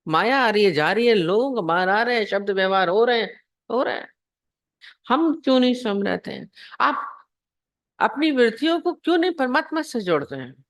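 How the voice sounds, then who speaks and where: A woman's voice: medium pitch, dry recording, studio quality. A woman spiritual teacher giving a sermon on scripture, telling parables and asking her listeners questions. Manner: storytelling, asks the listeners questions.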